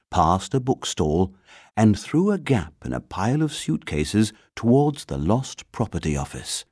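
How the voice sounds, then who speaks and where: Deep husky guy reading a kids book, super lively melody, no room sound. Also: no room sound, studio quality. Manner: expressive, slow, storytelling. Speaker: narrator. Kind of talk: storybook reading.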